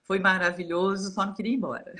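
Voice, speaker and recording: A middle-aged Brazilian woman with a Brazilian Portuguese accent, hosting a live stream as an English teacher. Her voice sits at an everyday middle pitch, and she heaps on praise with easy laughter. She is heard through a video call. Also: steady tone, fast talker, bright, forceful tone. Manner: effusive, gushing with praise, laughs often. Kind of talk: casual live-stream chat.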